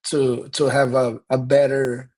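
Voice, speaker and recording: A Brazilian man in his thirties, a native Portuguese speaker with a Brazilian accent, answers questions as a guest pastor in a conversational interview, earnest and reflective and often restarting sentences. His mid-range voice is a little mellow, delivered flat and slow.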